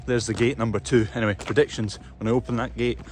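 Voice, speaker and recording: A man's voice: medium pitch, fairly even intonation, quick pace. A Scottish man, a farmer, talking casually through his work on the farm, practical and self-deprecating as he explains. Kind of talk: casual farm vlog narration. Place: outdoors on a farm. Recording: noisy outdoor farm recording.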